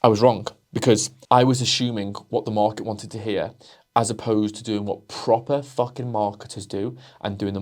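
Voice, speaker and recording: Blunt, swearing male business coach. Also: on the low side. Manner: blunt, heavy swearing, acts out both sides of imagined dialogues. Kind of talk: motivational monologue to camera.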